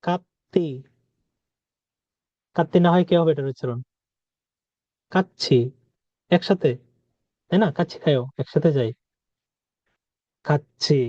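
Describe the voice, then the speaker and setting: A man teaches a language lesson, saying each word slowly and repeating it for practice. His voice sits a little high for a man. The recording is dry, with no room sound, and slightly dull. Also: dry recording. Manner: repeats words slowly, drilling pronunciation. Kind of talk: spoken lesson.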